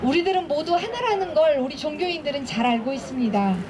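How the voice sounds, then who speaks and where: A woman's voice: high-pitched, expressive, fast talker, a crowd in the background, rough recording. A woman from a religious environmental group giving a solemn, prayerful speech at an outdoor protest.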